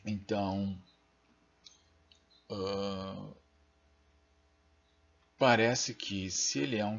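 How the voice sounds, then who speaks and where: The recording cuts off the highs on this low-pitched, breathy male voice. A Brazilian man with a Brazilian Portuguese accent, he gives a recorded linguistics lecture, thinking out loud, checking in with tag questions and making self-deprecating comments while using the mouse.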